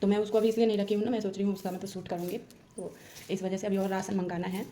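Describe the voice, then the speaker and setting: A young woman talking through her household chores in a casual daily vlog, rambling, speaking softly and holding the phone herself. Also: mid-range voice, level tone, quick pace, distant mic. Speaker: vlogger. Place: home kitchen. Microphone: handheld phone. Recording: echoey room with household noise.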